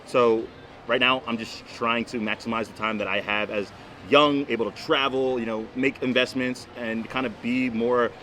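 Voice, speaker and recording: A man's voice: medium pitch, fairly even intonation, moderate pace, bright, forceful tone, a little hiss or hum. Emphatic young man chatting casually. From Florida, United States. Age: 20s. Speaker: boyfriend in couples Q&A vlog. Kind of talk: casual couples chat.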